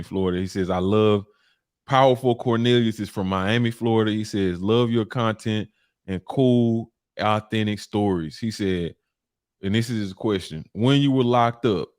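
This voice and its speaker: Male host, lowish voice, casual, shout-outs and listener questions. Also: clean tone. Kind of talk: casual chat.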